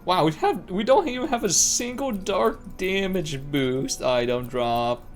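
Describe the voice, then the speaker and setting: A young male game streamer gives casual live commentary on his gameplay, rambling to himself in slang while game music plays behind him. His voice is high and expressive, a little slow.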